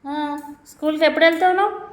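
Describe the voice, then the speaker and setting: A woman's voice: high-pitched, quick pace. A young woman, chatting casually with a small child and coaxing answers with playful questions. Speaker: family member filming a child.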